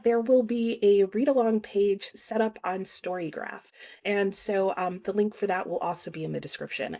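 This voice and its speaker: A young booktube host announces a readalong on her book channel, chatting casually with lots of fillers and lively swings in pitch.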